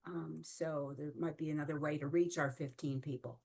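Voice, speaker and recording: A woman's voice: low voice, steady tone, moderate pace, gravelly, darkish tone. A woman organizing a fan gathering, chatting casually on a video call with many fillers.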